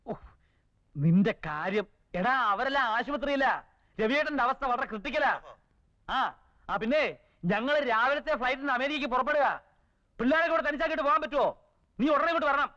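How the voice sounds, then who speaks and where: A man's voice: very high voice, fairly quick, pauses often, sharp tone, dull audio. An actor playing a stubborn family man who scolds his wife and bosses a friend on the phone, in a film drama. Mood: bossy. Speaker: head of the family, guardian of the children. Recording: film soundtrack with music under.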